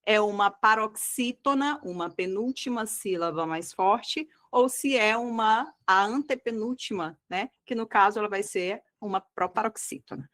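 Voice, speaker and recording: With a mid-range, fairly bright voice, a woman with a Brazilian Portuguese accent walks her students step by step through an exam-prep grammar lesson. She teaches didactically, checking in often with "tá?" and "tá bom?", and slows down to stress key words.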